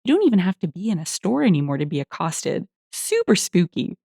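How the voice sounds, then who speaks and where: Animated, gravelly woman storyteller. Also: fairly low pitch, quick pace, no echo, studio quality. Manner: animated and expressive. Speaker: story narrator. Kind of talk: casual storytelling narration.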